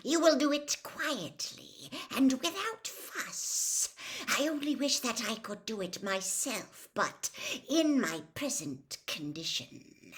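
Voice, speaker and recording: A woman reader puts on a cruel storybook dark lord. The delivery is slow and deliberate, with big swings of pitch. Every phrase is silky, cold and mocking. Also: big pitch swings. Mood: hushed, commanding. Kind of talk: storybook villain read aloud.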